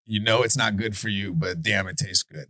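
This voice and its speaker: A man with a Chicago accent co-hosting a podcast in casual debate chat, animated and profane, stumbling and restarting his sentences. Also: on the low side, normal speed, no room sound. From Chicago area. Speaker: podcast co-host.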